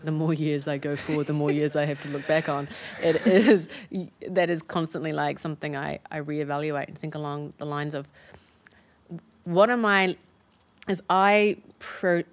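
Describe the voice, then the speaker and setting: A woman's voice: low-pitched, steady tone, moderate pace. A woman executive in a casual panel discussion, speaking reflectively and thinking aloud. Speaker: company executive.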